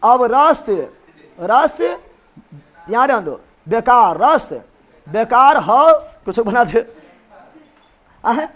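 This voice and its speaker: An exam coaching teacher runs a live online revision class, joking around and quizzing his students with memory tricks, playfully repeating his questions to them. His voice is extremely high-pitched, animated, and a bit bright. He speaks extremely slowly, with long pauses.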